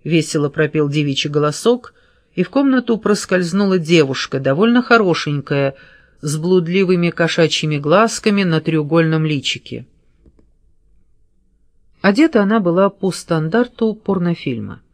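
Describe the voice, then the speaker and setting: A woman reading an audiobook novel in a steady storytelling manner. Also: on the low side, moderate pace, no echo, studio quality. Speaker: audiobook narrator. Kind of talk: scripted narration.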